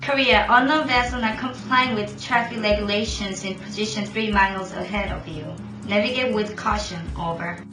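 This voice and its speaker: A woman's voice: mid-range voice, fairly even intonation, moderate pace, hardly any pauses. A woman playing a port control operator on a marine radio call, speaking in clipped, formal radio procedure. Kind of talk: scripted maritime radio role-play. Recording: echoey room with music underneath.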